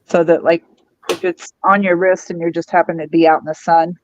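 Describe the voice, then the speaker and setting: A woman guest on a craft livestream, explaining her beadwork in a relaxed, chatty way. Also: fairly low pitch, brisk, muffled recording, a little hiss or hum. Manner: relaxed, explanatory, lots of "you know". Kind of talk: casual chat on a live stream.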